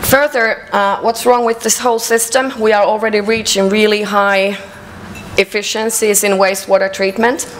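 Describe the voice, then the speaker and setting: A woman with a Finnish accent giving a conference presentation, measured and hesitant, with frequent fillers. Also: mid-range voice, little pitch movement, slight background noise, low-quality recording. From Finland. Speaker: conference speaker. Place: conference hall.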